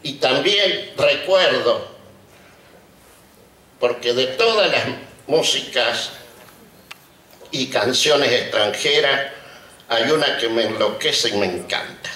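In a colonial courtyard outdoors, a retired Argentine teacher of sixty-five is honored and speaks haltingly, trembling with emotion and pausing deliberately while he reminisces to the seated crowd. His medium-pitched voice is bright and forceful with lively intonation, heard through stand-mounted podium microphones as roomy, distant public-address sound.

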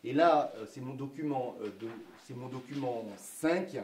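A man's voice: medium pitch, moderate pace, darkish tone, a little hiss or hum. A man giving a public history lecture, hesitant, with many filler words and restarts. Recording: echoey room, mic from far off.

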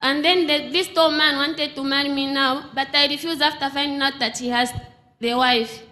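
Bright high woman from Zambia testifying. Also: fairly even intonation, normal speed. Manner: earnest storytelling. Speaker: testifying congregant. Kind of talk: church testimony. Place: large church hall. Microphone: handheld mic. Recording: echoey church hall.

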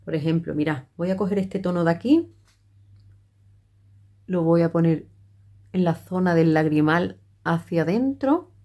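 A woman's voice: fairly low pitch, a little slow, long pauses, mellow. A middle-aged woman, chatting her way through a makeup tutorial with many fillers and restarts. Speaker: makeup vlogger.

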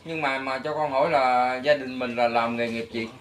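A man's voice: mid-range voice, fairly even intonation, moderate pace, a bit bright. A man, asking polite, hesitant interview questions. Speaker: interviewer, host.

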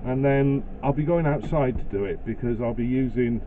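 A middle-aged man chats casually as he explains his next woodworking steps, pausing often with ums and uhs. His voice sits at an ordinary pitch for a man. The sound is thin and phone-like, with a faint hiss underneath. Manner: chatty, hesitant with fillers. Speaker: woodworking channel host. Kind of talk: casual workshop narration. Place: small home workshop, indoors.

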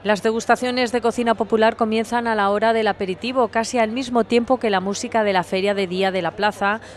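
A news reporter reading a scripted voice-over report in an even, measured delivery. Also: mid-range voice.

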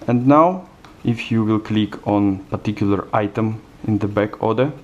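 Low-voiced man demonstrating software. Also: moderate pace, highs cut off. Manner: plain step-by-step explaining with hesitant fillers. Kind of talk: screencast product demo narration.

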